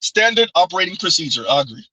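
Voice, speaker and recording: Reading viewer comments aloud on his live stream, a man responds in loose chat peppered with "right?" and frequent laughter. His high, bright, forceful voice swings widely in pitch, moves quickly and has a breathy edge, captured in a rough recording with no echo.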